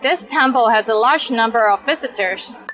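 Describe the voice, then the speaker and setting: Faint music plays behind this roughly recorded teacher and host, a woman in her thirties whose accent is Hong Kong Cantonese. Speaking at a moderate pace in a slightly high, somewhat bright voice, she walks through phrases casually, adding chatty commentary.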